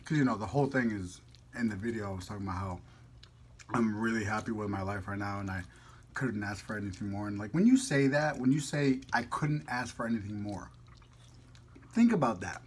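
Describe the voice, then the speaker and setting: Talking while he eats, this man rambles a bit in casual, playful mukbang chat for his food vlog. He speaks briskly in a lowish voice that has a breathy edge.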